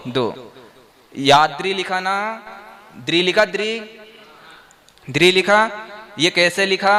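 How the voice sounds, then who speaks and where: A man's voice: high-pitched, pushed and bright. A man, a monk, teaching verse meter to a class, patiently explaining step by step and quizzing them with repeated questions.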